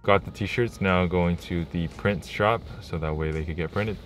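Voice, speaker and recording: A man's voice: deep voice, moderate pace, music in the background. A young man talking casually to camera as a vlogger. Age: young adult. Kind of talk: casual vlog chat.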